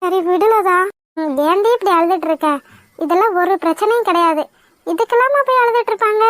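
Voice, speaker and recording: A woman voicing a kind young pregnant village wife in a cartoon, soothing and gently scolding. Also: extremely high pitch, a little fast, no room sound, clean studio sound. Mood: consoling. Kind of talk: cartoon voice acting.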